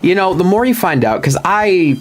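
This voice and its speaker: A man's voice: high voice, sing-song, normal speed, faint music behind. A man giving casual, rambling commentary as he plays a video game, chatty and full of fillers. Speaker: gaming video host. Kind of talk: casual let's-play commentary.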